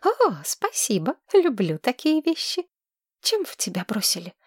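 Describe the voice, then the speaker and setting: Женщина изображает восторженную юную подругу. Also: female voice, high voice, big pitch swings, a little slow, no room sound, studio quality, pitched above the performer's own voice, exaggerated voice. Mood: playful. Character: bubbly lovestruck young woman friend.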